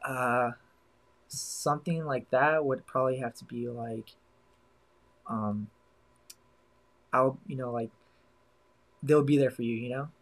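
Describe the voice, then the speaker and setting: A young man talks through a casual podcast chat at an ordinary middle pitch. He rambles and leans hard on "like" and "you know" as he gathers his thoughts. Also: steady tone, takes it slowly, long pauses, fairly bright tone, poor audio. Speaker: podcast co-host.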